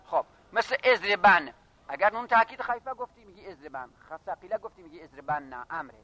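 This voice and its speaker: A man teaching a classroom lesson on grammar, reading phrases slowly and then explaining them briskly while addressing his students. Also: high voice, expressive, pushed and bright. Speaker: seminary teacher of Arabic grammar.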